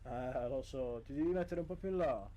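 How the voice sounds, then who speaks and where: A man's voice: medium pitch, moderate pace, dark tone, a little hiss or hum. A man in casual, slangy gaming chat, playing along as a garage mechanic. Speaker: mechanic in an online role-play garage.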